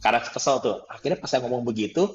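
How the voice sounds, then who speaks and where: A man telling a personal story in conversation, animated, laughing often and acting out the dialogue. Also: medium pitch, very fast, dull audio. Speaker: guest trainer.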